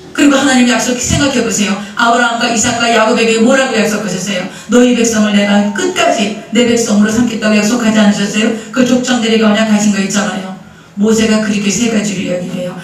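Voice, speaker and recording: A woman pastor delivers a sermon, moving between storytelling and questions to the congregation, and building to impassioned near-shouts. Her voice sits at a middle pitch for a woman. The church hall rings with heavy echo, the mic is set back from her, and faint music plays beneath. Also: distant mic. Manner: asks the congregation questions and answers them. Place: church sanctuary.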